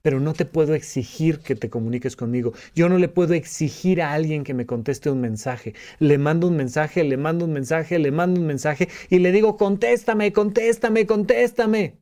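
Male podcast host, psychiatrist, slightly high and dark-toned, reflective solo talk. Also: a little fast, few pauses. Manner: explains calmly, acts out little quoted lines with a raised voice.

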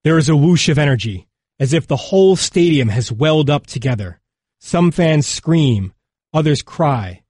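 A man reading a magazine feature as scripted narration, in a measured, solemn way. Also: a little high, animated, a little mellow, breathy edge, dry recording, clean studio sound.

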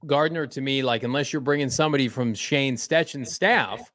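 A man's voice: mid-range voice, moderate pace, a bit bright, no echo. Upbeat male sports podcast co-host, mid-range voice, dry close sound. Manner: upbeat, folksy sign-offs. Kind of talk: casual sports podcast chat.

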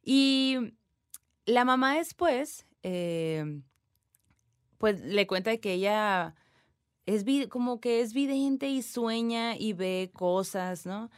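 A young Mexican woman casually retelling a spooky story on a podcast, slangy and animated. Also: on the high side, takes it slowly, clear, resonant tone, no room sound, studio quality. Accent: Mexican Spanish. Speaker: podcast co-host.

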